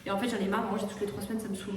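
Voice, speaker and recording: A woman's voice: mid-range voice, flat delivery, racing, crowd noise. A woman, a mother vlogging casually from her home kitchen, ranting with feeling and talking sing-song to her baby. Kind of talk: casual vlog chat.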